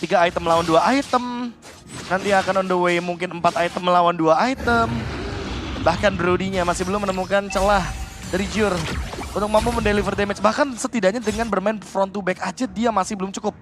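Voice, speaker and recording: A high-pitched man with an Indonesian accent breaks down a live match as an esports analyst. Music plays clearly behind his commentary. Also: steady tone, a little fast.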